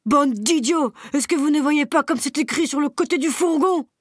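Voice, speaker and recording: Woman doing a frantic shouting old donkey. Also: moderate pace, no echo, studio quality, natural voice. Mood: furious. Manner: high shouted braying cries. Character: old male donkey, alarmed and furious.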